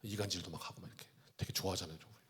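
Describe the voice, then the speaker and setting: A man's voice: deep voice, very fast, husky. A male pastor preaching a sermon in a church, acting out the lines of the people in his story with changing voices. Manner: animated, acts out dialogue in shifting voices. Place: church sanctuary.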